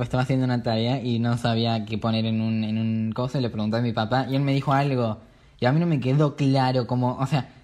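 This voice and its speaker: A man's voice: medium pitch, a little mellow. A teenage boy chatting casually, rambling with lots of fillers and acting out what others said. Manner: rambling, full of fillers, acts out quotes. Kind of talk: casual chat.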